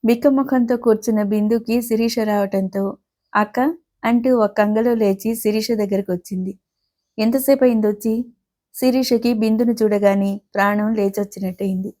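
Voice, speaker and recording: A woman narrating a serialized novel in a calm, even storytelling voice. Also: medium pitch, moderate pace.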